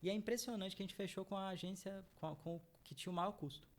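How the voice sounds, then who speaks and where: Earnest Brazilian-born man explaining, slightly high voice. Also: fast. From Minas Gerais, Brazil. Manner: earnest, repeats "né?" often, addresses audience. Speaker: chocolate brand founder, guest. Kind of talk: explanatory interview talk.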